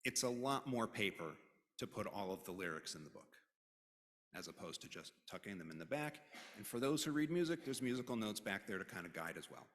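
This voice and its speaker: A man's voice: on the low side, expressive, a little fast, fairly bright tone. A man leading a religious service, giving conversational announcements with informal, joking asides. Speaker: service leader. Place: congregation's worship hall. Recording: long hall reverb.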